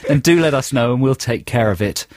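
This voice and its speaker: A man's voice: mid-range voice, lively intonation, brisk, darkish tone, no echo. A man co-hosting a radio show, playful and wry, reading out listener emails. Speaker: radio co-host. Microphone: studio mic. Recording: dry studio sound.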